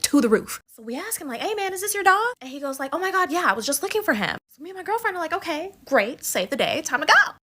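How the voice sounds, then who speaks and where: Profane, animated young woman telling a story. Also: on the high side. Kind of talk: casual storytime narration.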